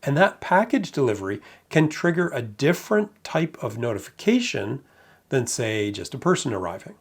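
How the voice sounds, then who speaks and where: A man narrating a product review in a measured, matter-of-fact way with light amused asides. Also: mid-range voice, gravelly, slightly rough.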